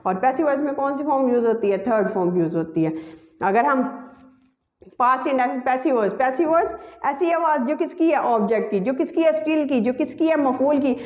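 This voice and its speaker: A woman's voice: high voice, lively intonation, a little fast, a little mellow. A woman teaching an English grammar lesson, explaining step by step, repeating key terms and addressing her students directly. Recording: echoey room.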